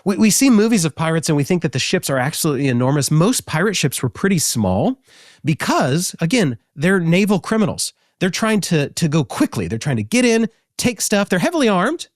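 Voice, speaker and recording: A man hosting a casual educational talk, animated and joking, with frequent fillers. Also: mid-range voice, dry recording, studio quality. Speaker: host.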